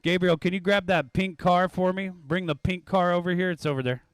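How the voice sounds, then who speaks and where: A man's voice: high-pitched, steady tone, fairly quick, clear, resonant tone, no echo. A man giving live race commentary in a casual, chatty, exclaiming way as the announcer at a track.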